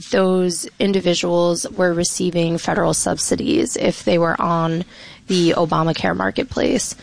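In a lowish, gravelly voice recorded without echo, a woman reporter guesting on a radio interview lays out policy plainly and knowledgeably, saying "you know" a lot.

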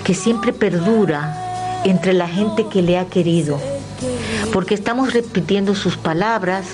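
An older woman from the Dominican Republic, a television performer appearing as a guest at an event, reminisces with music in the background. Her mid-range voice keeps a measured pace as she tells stories animatedly, acting out remembered conversations along the way.

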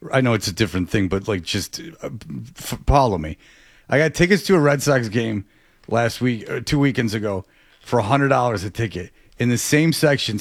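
A man co-hosting a casual sports talk show, animated and quick with asides. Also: lowish voice, dry recording. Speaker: sports radio host.

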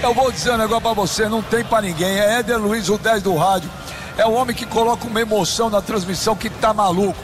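An excitable Brazilian man hosts a live sports broadcast, his voice pitched very high as he jokes and suddenly shouts. Music plays clearly behind him in the broadcast booth. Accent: Brazilian Portuguese. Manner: excitable, joking, rapid swings to shouting.

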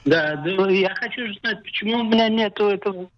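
An older man calling in to a radio show over a crackly phone line that keeps cutting out, talking haltingly and checking that he can be heard. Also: high voice. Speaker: caller. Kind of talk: radio call-in question. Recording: dull, breaking-up phone call.

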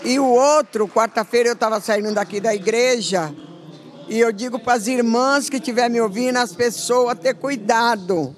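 A woman's voice: fairly high pitch, normal speed. Older woman member giving a heartfelt spoken testimony; earnest storyteller. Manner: earnest, storytelling, quoting herself.

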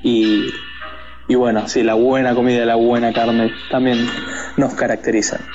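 A man's voice: medium pitch, little pitch movement, normal speed, lo-fi sound, over music. A man from Argentina with an Argentine accent, a guest talking casually in an interview, hesitant with many fillers and restarts. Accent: Argentine Spanish.

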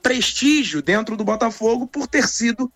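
A man phoning in as a sports reporter on speakerphone, giving a measured, informative report with the occasional filler. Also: very high-pitched, fairly bright tone. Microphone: phone on speakerphone. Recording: distant speakerphone call.

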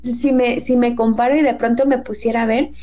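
A woman's voice: on the high side, steady tone, fairly quick, dark tone. A Mexican woman with a Mexican Spanish accent in a casual Bible discussion, chatty and acting out quotes in a raised voice.

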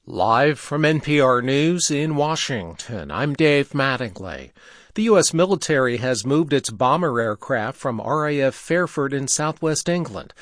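A man reading a radio newscast in a steady, measured way. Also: mid-range voice, no echo, clean studio sound.

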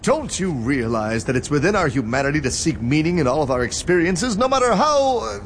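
Earnest, pompous superhero for cartoon parody: slightly high, lively pitch, faint background noise. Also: male voice, fairly quick. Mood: pedantic, questioning. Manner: pompous, declamatory, wordy. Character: pompous, earnest, dim-witted male superhero. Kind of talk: superhero cartoon parody audio drama acting.

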